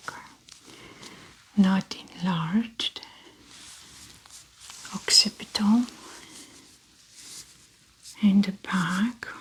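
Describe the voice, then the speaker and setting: A woman whispering softly through an ASMR medical exam roleplay, gentle and clinical as she plays an examining doctor. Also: medium pitch, a little hiss or hum. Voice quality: soft whisper.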